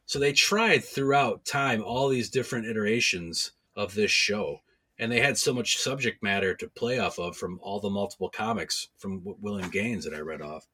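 A man with a fairly low, bright and forceful voice chats casually as a podcast co-host. He gives recaps and reviews and slips in deadpan jokes. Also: normal speed, slightly rough. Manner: deadpan joking, informative recaps. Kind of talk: casual chat, reviewing horror episodes.

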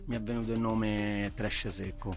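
A man with a Roman accent chatting casually as an interview guest, his voice hoarse and giving out from strained vocal cords. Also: on the low side, little pitch movement, normal speed, faint music behind. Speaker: interview guest, artist working in film.

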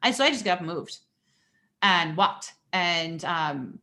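A woman being interviewed on a podcast, telling a personal story. She talks in an animated, lively way, laughing often and restarting her sentences. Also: fairly low pitch, measured pace. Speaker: podcast guest.

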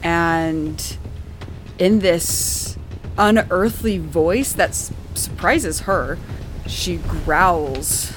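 A woman's voice: lowish voice, animated, extremely slow, background noise. A woman playing a tabletop role-playing game, describing her character's actions and talking tactics. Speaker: player.

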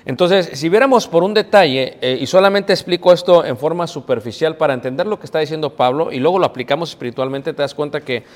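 A man's voice: a little high, fast, few pauses. A man preaching a teaching sermon, explaining step by step with frequent fillers. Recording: echoey hall with long reverb.

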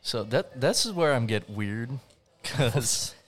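A man's voice: medium pitch, expressive, takes it slowly, a bit bright. A man, a drummer guesting on a podcast, chatting casually with slangy, sweary phrasing. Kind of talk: casual chat.

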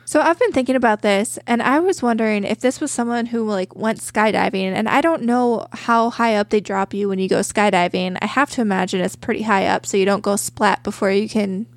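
A woman's voice: medium pitch, a little fast, few pauses, no room sound. A woman chatting casually as a podcast co-host, with an informal, speculative storytelling manner. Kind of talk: casual chat.

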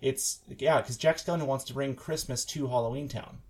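Gravelly man in an echoey room. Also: medium pitch, steady tone, fairly quick, darkish tone. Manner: rambling, many restarts, jokey. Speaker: podcast host. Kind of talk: casual chat. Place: room in his house. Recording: echoey room with sound bouncing off a wall.

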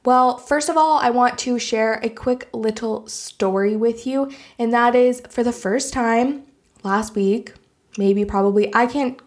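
A woman's voice: a little high, a little slow. A woman with a Canadian accent hosting a solo podcast in a casual, chatty, enthusiastic and informal way. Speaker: podcast host.

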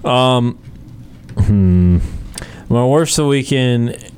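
A man's voice: medium pitch, lively intonation, drawn-out words, a little mellow, slight background noise. A man co-hosting a radio talk show, bantering casually with a dry, teasing wit. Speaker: sports radio show co-host.

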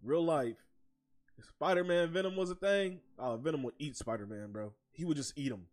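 An American man hosts a loose podcast among friends in a somewhat high voice. He talks in heavy slang and pushes his point insistently, doubling back on phrases. Faint music plays behind him. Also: normal speed. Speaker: podcast host. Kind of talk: casual podcast banter with friends.

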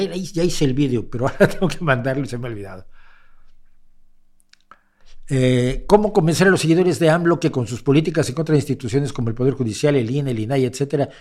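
Older mexican guy, mellow warm voice, wry chatty q&a host. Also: medium pitch. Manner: conversational, wry, many restarts and rhetorical asides. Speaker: host answering viewer questions. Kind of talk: casual talk show monologue.

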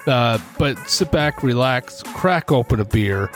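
A man's voice: mid-range voice, animated, a little slow, a bit bright, faint music behind. A man hosting a casual podcast, upbeat and jokey. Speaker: podcast host. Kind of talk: casual chat.

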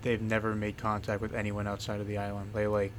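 A young man with a deep, mellow, fairly monotone voice, chatting in a laid-back way. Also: quick pace, a little hiss or hum. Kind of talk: casual chat.

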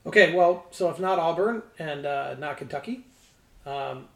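A man co-hosting sports talk asks hesitant questions in a fairly high voice. He sounds roomy and set back from the mic. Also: expressive, normal speed, gravelly. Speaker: co-host.

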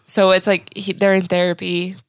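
A woman's voice: medium pitch, completely flat delivery, normal speed, no echo, studio quality. Chatty young woman recapping a show. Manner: chatty, quotes lines with many "like" fillers. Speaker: podcast co-host. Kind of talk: casual chat recapping a sitcom episode.

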